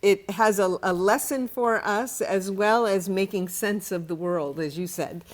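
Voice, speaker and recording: Slow, deliberate woman book show host. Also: medium pitch. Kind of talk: book discussion and word lesson.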